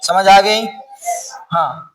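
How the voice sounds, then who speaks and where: A man with a Pakistani Urdu accent teaching a class on reading the Quran. He slowly repeats words over and over, quizzes his students, and sometimes calls out loudly. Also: sits high. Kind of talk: classroom lesson on Quranic recitation rules. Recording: distant mic with clear background noise.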